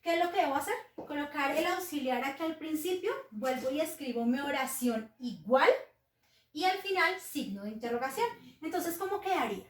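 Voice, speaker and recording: A woman's voice: sits high, animated, far from the mic. A woman teacher explaining English grammar patiently to young pupils. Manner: slow, patient explaining, addresses pupils as children. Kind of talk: recorded classroom lesson. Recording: roomy echo, voice set back from the mic.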